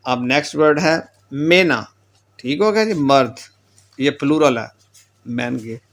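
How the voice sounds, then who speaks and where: A man with a medium-pitched, fairly bright voice teaches German pronunciation in a patient classroom lecture, speaking a little slowly with lively intonation. He reads example words from lists along with their meanings, often adding the filler tag "theek ho gaya ji."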